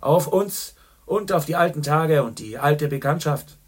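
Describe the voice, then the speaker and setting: A man voicing a boisterous, worldly middle-aged journalist who talks loudly and boastfully. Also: on the high side, sing-song, a little slow, breathy edge, voice pushed up, full character voice. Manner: loud, hearty and boastful.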